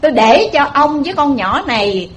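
A woman's voice: high voice, big pitch swings, moderate pace, slight background noise. A woman with a Southern Vietnamese accent voicing a devoted, jealous middle-aged wife who pleads tearfully.

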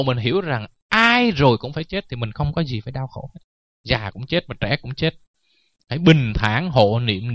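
Male Buddhist monk, sermon with humorous anecdotes; light-pitched, dry recording. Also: a bit bright, no echo. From Vietnam. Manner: joking, anecdotal, laughs at his own stories. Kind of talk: dharma talk sermon.

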